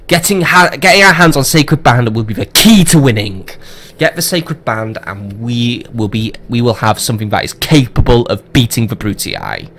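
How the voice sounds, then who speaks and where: A man talks through his strategy game in loose, rambling commentary. He drifts into jokes and casual swearing as he gives orders to his units. His voice sits at an ordinary middle pitch. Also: lively intonation, moderate pace, fairly bright tone, slight background noise. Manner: rambling, swearing, joking asides. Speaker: let's play host.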